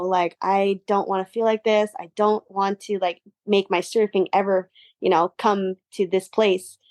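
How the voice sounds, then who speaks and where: A woman's voice: mid-range voice, a little mellow, no echo. Earnest young woman, dry close mic. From Hawaii. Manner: earnest, heavy use of "like" fillers. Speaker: guest, professional surfer. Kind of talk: casual reflective interview talk.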